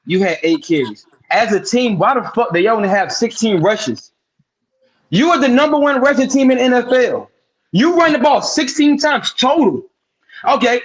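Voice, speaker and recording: Over poor audio, a high-sitting male voice co-hosts a laid-back sports podcast. He dissects games with profanity and emphasis, repeating words to make them land.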